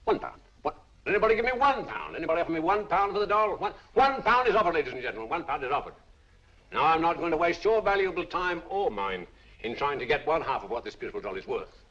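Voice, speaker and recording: A man's voice: on the high side, sing-song, quick pace, fairly bright tone. An actor playing a male auctioneer, coaxing bids with showy sales patter. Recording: dull old film soundtrack.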